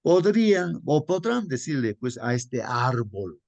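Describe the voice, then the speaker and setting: A man teaching a weekly Bible study lesson in a preaching style, calling listeners brothers and asking rhetorical questions, rising for emphasis and dropping softly on asides. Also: very animated, takes it slowly, creaky, no echo, highs cut off. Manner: pitch jumps up for emphasis, drops soft on asides.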